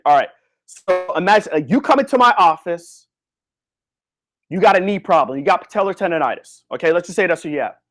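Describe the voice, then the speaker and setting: A man who is a physical therapist, giving a live online lecture in a slangy, animated way, talking straight to his listeners. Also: sits high. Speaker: physical therapist coaching students.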